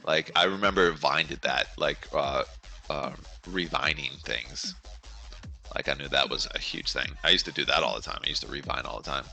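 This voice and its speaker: A man's voice: very deep voice, moderate pace, vocal fry, bright, forceful tone, faint music behind. A man in his twenties co-hosting a casual podcast, chatting loosely and acting out his own reactions. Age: 20s. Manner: casual, quotes his own thoughts aloud. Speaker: podcast co-host. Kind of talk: casual chat.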